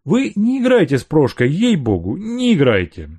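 A man's voice: on the high side, sing-song, normal speed, darkish tone, pitched above the performer's own voice. A man voicing a timid middle-aged manservant who pleads in a plaintive, raised voice. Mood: pleading.

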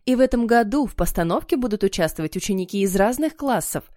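A woman's voice: mid-range voice, lively intonation, quick pace, darkish tone, no room sound, studio quality, natural voice. A woman voicing a stern, bossy schoolteacher in an audiobook, giving orders that brook no argument. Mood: explaining.

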